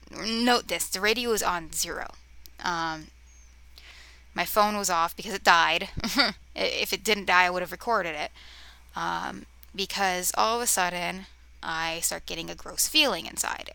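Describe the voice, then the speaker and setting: A young woman vlogger with a gravelly, bright, fairly low voice rambles through casual stories to camera, using many fillers and often dropping to a whisper. Easily distracted, she talks to her cat. She records on a cheap camera mic in a bedroom near a road with the windows open.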